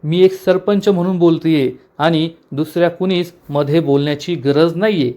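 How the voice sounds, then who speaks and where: A stern young village head giving firm orders to settle a dispute, as a man retelling the episode voices her. His delivery is brisk and slightly high. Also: steady tone, warm tone, close to an everyday voice. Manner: firm, commanding.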